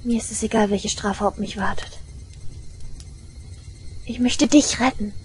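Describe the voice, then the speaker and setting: In an audio drama, a voice actress plays an obsessive, unhinged young shrine maiden, intense and deliberate, swinging between hushed and frenzied delivery with a hushed, resolute mood. Her medium-pitched voice is close to everyday speech with fairly even intonation, and there's a little hiss or hum.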